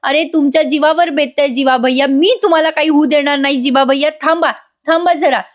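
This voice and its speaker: A woman's voice: high-pitched, fairly even intonation, fairly quick, pitched above the performer's own voice, close to an everyday voice. A woman voicing a panicked young male servant who begs for help, mixing Hindi words into his speech. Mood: pleading.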